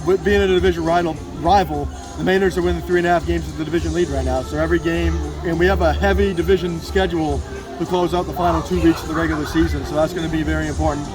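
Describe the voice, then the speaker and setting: Speaking fast in a fairly even, slightly high voice, this twentysomething baseball PA announcer and radio producer chats enthusiastically as an interview guest. The recording is rough, made outdoors with music playing.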